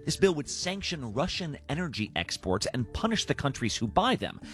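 A male news anchor with a lively, animated pitch and a conversational delivery. Faint music sits under his voice. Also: normal speed.

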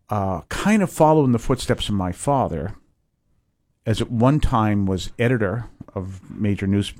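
Older male priest, low reflective voice. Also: darkish tone, dry recording. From Massachusetts. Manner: reflective, hesitant with fillers. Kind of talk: conversational interview.

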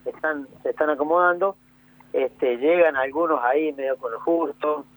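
A man's voice: a little high, moderate pace, no room sound. A man with an Argentine accent chatting casually on a phone call from home, repeating his words as he talks. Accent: Argentine Spanish. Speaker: guest. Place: at home by a grill.

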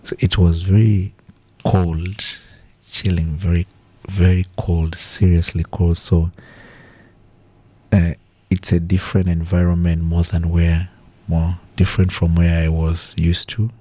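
Deep, dark-voiced man from Kenya. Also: level tone, slightly rough. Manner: hesitant, with fillers and restarts, slow and deliberate. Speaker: interview guest. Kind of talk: radio interview answers.

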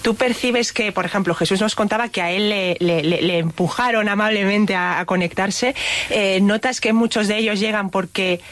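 A man's voice: high voice, steady tone, normal speed, fairly bright tone, dry recording. A man co-hosting a radio interview, asking friendly probing questions. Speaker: radio co-host.

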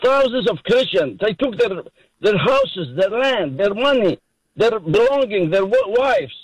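A man's voice: sits high, animated, unhurried, slightly rough, dry recording, low-quality recording. A man from Iraq, calling in to a radio show, speaking broken English with passionate emphasis and frequent repetition. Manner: impassioned, emphatic, repeats himself, broken English. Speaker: caller. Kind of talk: call-in radio talk.

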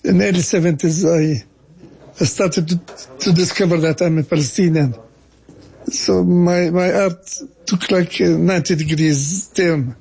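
Older husky man, halting speech. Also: a little high, steady tone, a little mellow. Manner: halting, repeats words, slow reflective phrasing. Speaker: interviewee, painter. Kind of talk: interview answers.

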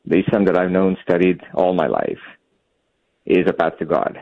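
A man from Bangladesh calling in to a radio show, speaking in a measured, reflective way with many fillers. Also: low-pitched, animated, creaky, no echo. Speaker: caller. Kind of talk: phone-in call. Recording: tinny phone line.

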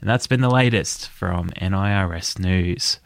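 A man with an Australian accent reading the news in a steady, measured way from a studio. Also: low-pitched, vocal fry, background noise. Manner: steady measured newsreader delivery. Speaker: news presenter.

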